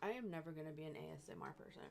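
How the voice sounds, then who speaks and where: A woman's voice: low voice, racing, gravelly, a little mellow. A woman hosting a casual craft livestream, chatty and playful, sometimes talking while she eats. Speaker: livestream host. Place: home craft desk.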